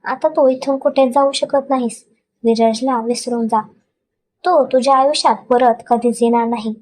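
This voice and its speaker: A woman's voice: sits high, fairly even intonation, normal speed, darkish tone. A woman reading a cold domineering husband. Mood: cold, commanding. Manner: curt, commanding. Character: cold domineering rich young husband, man.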